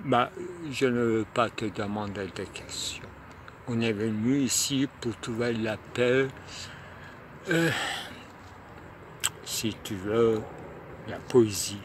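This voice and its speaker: A man musing aloud in a rambling monologue, hesitant and full of pauses and fillers, outdoors near a tunnel. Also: medium pitch. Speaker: lecturer. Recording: loud traffic noise behind.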